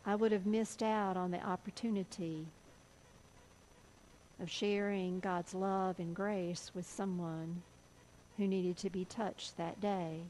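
A woman pastor with a Southern US accent, telling a story in a sermon with an earnest, measured delivery. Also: on the low side, fairly even intonation, a little mellow, a little hiss or hum, poor audio.

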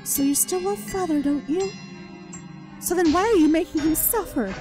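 A woman voicing a desperate little girl who clings to her father, high and tearful, reading game dialogue. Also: moderate pace. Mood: pleading. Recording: game music underneath.

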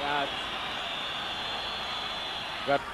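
A man giving excited, exclamatory live football commentary, partisan and urging the players on. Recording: old TV broadcast over loud crowd noise. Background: loud stadium crowd.

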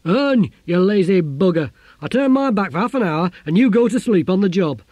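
A man voicing a blustering, scruffy old street philosopher who scolds his nephew loudly and indignantly. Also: high-pitched, animated, a little slow, dry recording, studio quality, voice pushed up. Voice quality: loud, indignant, rough-spoken.

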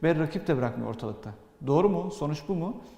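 Man, talk show host, gravelly dark voice, heavy cathedral echo on the line. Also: on the high side, lively intonation, quick pace. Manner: poses questions and draws conclusions. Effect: heavy cathedral-like echo on his voice. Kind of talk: political talk show discussion. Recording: echoey long hall reverb.

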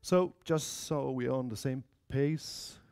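Slow and creaky, yet dark and relaxed at a typical male pitch, the Danish-accented voice belongs to a thirtysomething developer presenting an informal technical talk indoors in a lecture room. He chats easily and often addresses asides to listeners. He hails from Denmark or Spain and has mixed Spanish-Danish family.

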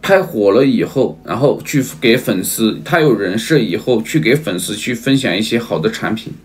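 On a livestream, a male seller with a fairly low, expressive voice talks at normal speed. Repetitive and emphatic, he addresses viewers as family and keeps checking if they agree.

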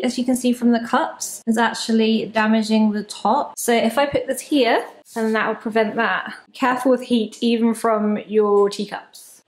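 Young British woman, higher-pitched, candid. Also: darkish tone. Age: 20s. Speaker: vlogger. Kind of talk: casual personal vlog chat.

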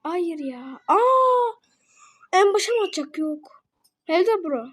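Excitable high-voiced woman gaming. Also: moderate pace. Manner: excitable, playful, calls friend bro. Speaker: gaming video host. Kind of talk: casual gameplay chatter.

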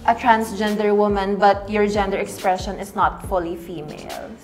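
A woman's voice: medium pitch, steady tone, normal speed. A woman in her twenties with a Filipino accent, playful and teasing in a studio interview. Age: 20s. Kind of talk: interview commentary. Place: indoor studio, grey backdrop, seated. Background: background music.

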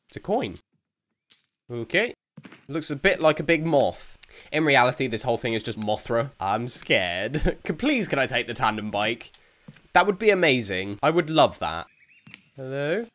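A man's voice: on the high side, a bit bright. A young man giving let's-play commentary on a horror game, jumpy and exclaiming, often laughing. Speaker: gaming youtuber.

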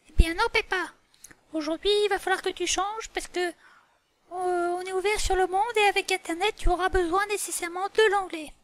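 A woman's voice: very high-pitched, fairly even intonation. Woman voicing a patient animal schoolteacher. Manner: didactic, slow, full of fillers. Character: patient female animal schoolteacher, a bit muddled. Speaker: teacher. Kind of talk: toy role-play lesson.

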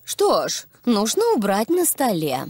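A woman voicing a kind, patient mother pig who gently explains things in a children's cartoon. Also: medium pitch, huge pitch swings, measured pace, husky, no echo, full character voice. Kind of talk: animated children's cartoon dubbing.

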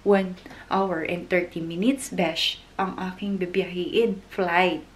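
A young woman from the Philippines, chatting casually to the camera in a vlog, emotional and quick to laugh. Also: on the low side, steady tone. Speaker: vlogger.

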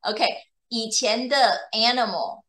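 Her fairly high voice is slow, bright, and forceful. She is an English tutor giving a young student a one-on-one bilingual lesson, patiently explaining and frequently making sure the student follows.

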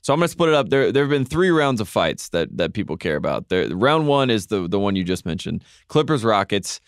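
A man's voice: lowish voice, big pitch swings, fairly quick, no echo, clean studio sound. A man co-hosting a podcast, telling stories in a wry, joking way in casual chat. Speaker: podcast co-host.

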